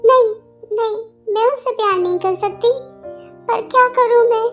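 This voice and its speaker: A woman's voice: very high-pitched, normal speed, fairly bright tone, soft background music. A woman voicing an upset young woman, pleading and emphatic, in a fan audio drama. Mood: anxious.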